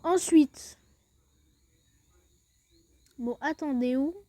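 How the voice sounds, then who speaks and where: A woman's voice: sits high, very slow, dark tone, no room sound. A woman casually talking through a video game, explaining each step with small hesitations. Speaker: gaming video creator. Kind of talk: casual gameplay walkthrough.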